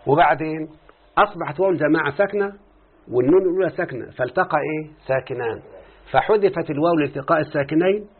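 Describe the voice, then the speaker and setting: A man with an Egyptian Arabic accent gives a classroom grammar lesson, working through each point and quizzing his students as he goes. His voice sits a little high and has a husky edge. The recording is thin and tinny, like a phone line. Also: rapid-fire. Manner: explains step by step, often quizzing students. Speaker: teacher of Arabic morphology.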